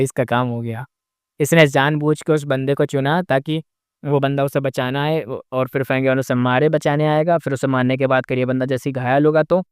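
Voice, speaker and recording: A man's voice: mid-range voice, a little mellow, clean tone, no room sound, clean studio sound. A man narrating a novel recap in a casual way, with chatty asides to the listener. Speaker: story narrator.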